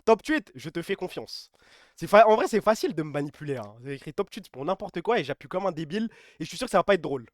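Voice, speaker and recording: A man talking on a live stream from his home setup, lively and emphatic, often repeating phrases and throwing in swear words. His voice sits high for a man. The sound is close and dry, with no room around it. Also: quick pace, no room sound. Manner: excitable, emphatic, repeats himself, swears freely. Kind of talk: casual live-stream chat.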